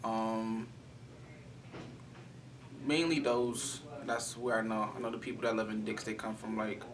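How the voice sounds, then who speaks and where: A young man answers casually and rambles a little. His low voice stays flat, and it is picked up from a distance with clear background noise. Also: unhurried. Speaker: student. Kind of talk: interview answers. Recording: distant mic, noisy.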